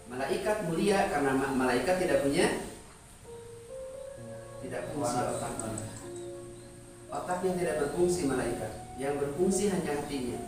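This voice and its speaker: A man teaching trainees how to preach, talking emphatically and addressing them directly. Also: on the high side. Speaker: Islamic preacher teaching sermon delivery. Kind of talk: instructional talk to trainees. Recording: echoey room, distant mic, music behind.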